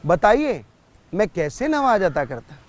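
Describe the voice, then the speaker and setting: A man telling a story voices a calm, smiling male saint who explains gently and patiently. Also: sits high, a little slow. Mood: explaining.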